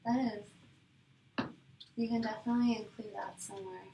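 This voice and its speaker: A woman's voice: medium pitch, steady tone, a little fast, muffled recording. A woman student giving encouraging feedback in a class discussion, with many short acknowledgments. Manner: encouraging, with many "mm-hmm" replies. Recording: echoey room heard from a distance, with noise.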